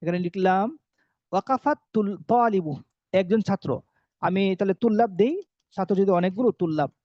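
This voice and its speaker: A teacher leads a recorded Arabic lesson explained in Bengali, posing each question and answering it himself. Every phrase is repeated slowly so learners can say it aloud. The recording is dull and lo-fi, with a dry sound and no room echo. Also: mid-range voice, a little mellow.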